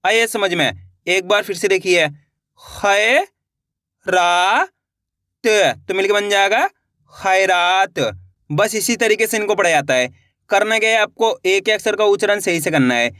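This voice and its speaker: A man's voice: high-pitched, fairly bright tone, no echo, studio quality. A man teaching Hindi reading, stretching out each syllable carefully and encouraging viewers as friends. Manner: drawn-out, careful letter-by-letter pronunciation. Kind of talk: slow syllable-by-syllable reading lesson.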